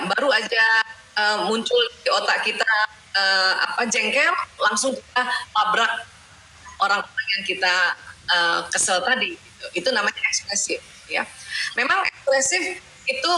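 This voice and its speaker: A woman speaks in a bright, forceful voice in a roomy, echoey space. She gives a conversational religious talk and explains each point step by step. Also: mid-range voice, slight background noise. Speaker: doctor and teacher giving a talk. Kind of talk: religious talk on managing emotions. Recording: roomy echo.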